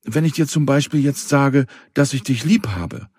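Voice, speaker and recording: A man voicing a kind, lively little girl in a children's story, speaking earnestly and coaxingly. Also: medium pitch, moderate pace, breathy edge, no echo, clean studio sound, pitched above the performer's own voice, close to an everyday voice. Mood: gentle.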